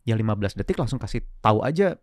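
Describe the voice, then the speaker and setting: A man's voice: fairly low pitch, big pitch swings, very fast, no room sound, studio quality. A man talking casually as a coach in an interview, explaining with examples and slipping in English words. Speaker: public speaking coach and guest.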